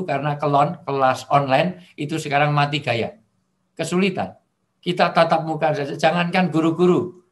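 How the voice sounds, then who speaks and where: A middle-aged man preaching over a video call, lively and joking, now and then acting out angry shouting. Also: fairly high pitch. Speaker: Islamic preacher. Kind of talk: online religious talk.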